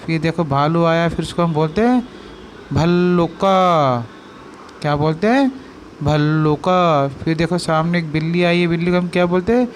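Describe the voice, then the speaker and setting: Man, children's language teacher, slow repeated words, screen-recorded voice-over, faint background noise. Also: fairly high pitch. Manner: repeats each word slowly with call-and-response questions. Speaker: Sanskrit teacher. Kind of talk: teaching lesson to children over picture slides.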